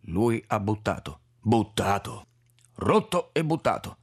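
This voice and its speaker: A man voicing an excitable, tearful male paleontologist who speaks in clipped, broken phrases. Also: lowish voice, slow, husky, full character voice. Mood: agitated. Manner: clipped, ungrammatical foreign-sounding phrases.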